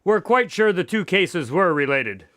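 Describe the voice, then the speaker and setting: Guy playing polite old-fashioned doctor sidekick in radio play, bright highish voice, easily flustered. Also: sing-song, a little slow, dry recording, studio quality, exaggerated voice. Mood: genial. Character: Doctor Watson, courteous, easily flustered male storyteller and sidekick. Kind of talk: radio drama acting and narration.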